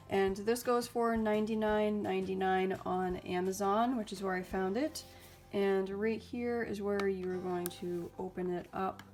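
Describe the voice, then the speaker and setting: A young woman hosts a casual YouTube vlog reviewing mini printers, chatting upbeat with plenty of ums and likes. Her medium-pitched, darkish voice comes out a bit raspy and stuffy as she recovers from a cold.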